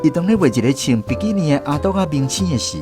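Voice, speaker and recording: With guitar behind him, a Taiwanese-accented man narrates a radio drama in the role of a reflective storyteller thinking back on his apprenticeship. The voice is fairly high, animated, quick and natural.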